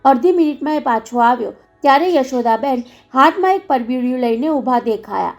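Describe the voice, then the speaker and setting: A woman narrates a novel for an audiobook with a high voice. Her reading is steady and measured, and it carries the story along evenly. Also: soft background music. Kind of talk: scripted narration.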